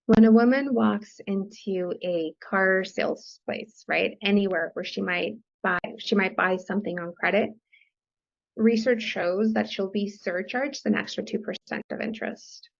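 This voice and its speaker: Raised on the US-Mexico border with Spanish as her first language, this financial coach speaks as an interview guest in an unhurried, creaky, medium-pitched voice. She talks about money with enthusiasm, frequently tagging on "right?", over dull lo-fi podcast audio.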